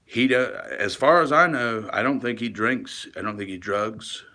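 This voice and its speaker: A man giving a rambling, confessional monologue to camera, halting and restarting often and swearing casually. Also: on the low side, lively intonation, sharp tone.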